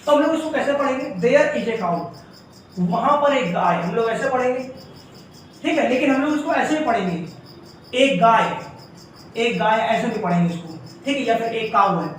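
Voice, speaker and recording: Male teacher, high voice, explains rules step by step; recorded from a distance in a bare echoing room. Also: animated, brisk, a bit bright, slight background noise. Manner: explains step by step, often says "ठीक है". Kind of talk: classroom grammar lesson. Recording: echoey room, voice from far off.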